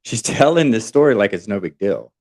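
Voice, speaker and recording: Podcast co-host, male, low-ish voice, animated storyteller. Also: brisk. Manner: animated retelling with acted quotes.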